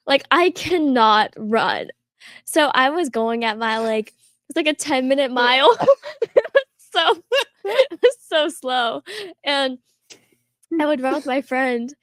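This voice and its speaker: A high-pitched teenage girl chats through a rambling story, peppering every phrase with "like" and breaking into laughter. Her voice sits close on a podcast mic in a dead, dry room with no echo. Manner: chatty, full of "like" fillers, laughs often. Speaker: podcast co-host. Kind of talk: casual storytelling chat.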